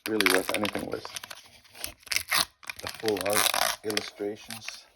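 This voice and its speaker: A middle-aged man with a Boston accent rambles casually while opening card packs, stumbling over card names and putting himself down. His voice sits fairly low with little pitch movement, runs a little slow, and the recording is very noisy.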